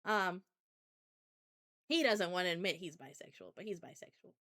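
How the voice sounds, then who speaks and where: A woman's voice: lowish voice, expressive, normal speed, fairly bright tone. A woman streamer casually telling a rambling, chatty anecdote to her viewers. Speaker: VTuber streamer. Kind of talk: casual storytelling chat.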